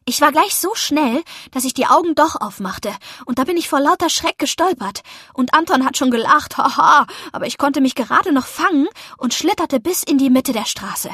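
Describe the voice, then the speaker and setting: A woman reads a children's story aloud in the first person, lively and expressive. Her voice sits high, and the close recording sounds dry, with no room around it. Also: normal speed, no echo. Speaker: narrator. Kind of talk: audiobook narration of a children's story.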